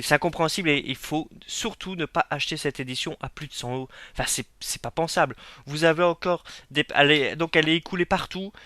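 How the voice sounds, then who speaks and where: A man's voice: a little high, bright, forceful tone, smooth, dry recording. A young man from France giving a frank, critical unboxing review, repeating himself with many fillers and hesitations. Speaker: collector reviewing a limited edition.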